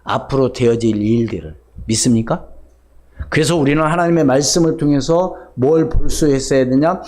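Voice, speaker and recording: A man's voice: mid-range voice, normal speed, a little mellow. A man preaching a sermon as pastor, firing questions at the congregation and answering them himself with emphatic, rising repetition. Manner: call-and-response questioning, emphatic.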